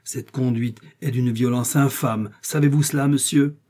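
A man's voice: mid-range voice, fairly even intonation, normal speed, dark tone, lightly acted. A man reading the part of a proud, defiant queen with a haughty manner. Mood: outraged. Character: proud indignant queen, woman, imperious.

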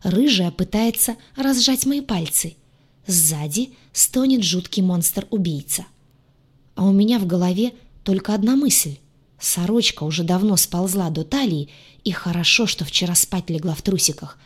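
A woman narrating a first-person audiobook in a lively, wry, expressive way. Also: on the low side, normal speed, husky.

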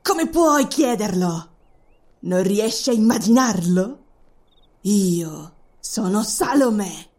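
A woman voicing a cruel, scheming young witch in an audiobook, talking with slow, sarcastic mockery in a gravelly voice. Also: medium pitch, animated, dark tone, heavily acted. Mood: gloating. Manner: sarcastic, mocking, slow and gloating. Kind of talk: audiobook voice acting.

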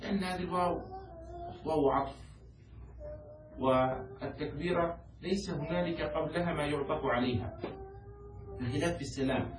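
A man explains a law text to his students in a lecture, often asking if they follow. His voice sits slightly high. It is caught from a distance in an echoey room with faint noise behind. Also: moderate pace, pauses often. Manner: quizzes students and has them repeat words. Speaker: Islamic law teacher.

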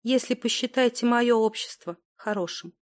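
A young woman caught between love and loyalty, soft-spoken and quietly pleading, as a woman reading the story puts her on. Her words come gentle and low, a storybook heroine holding herself together. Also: normal speed, close to an everyday voice. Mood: composed.

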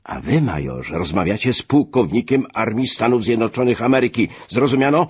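A man's voice: on the low side, lively intonation, normal speed, darkish tone, husky, voice pushed up. A man voicing a furious, commanding American colonel who barks threats, in a muffled recording. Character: furious middle-aged male American colonel.

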